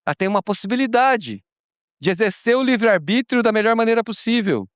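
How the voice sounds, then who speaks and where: A Brazilian man speaking on a conference panel, expressive and acting out little dialogues with casual swearing. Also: high-pitched, brisk, no room sound, clean studio sound. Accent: Brazilian Portuguese. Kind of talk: animated panel talk. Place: conference stage.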